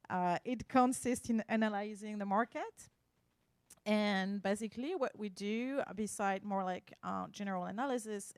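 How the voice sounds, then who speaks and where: A woman's voice: medium pitch, darkish tone, no room sound. Woman, French accent, expert presenter talking through slides; hesitant, searching delivery, close dry sound. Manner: hesitant, searching for words, with asides. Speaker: art appraiser presenting.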